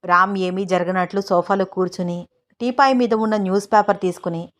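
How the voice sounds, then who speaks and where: A woman narrating a romance story in an expressive, dramatic way. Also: medium pitch, normal speed.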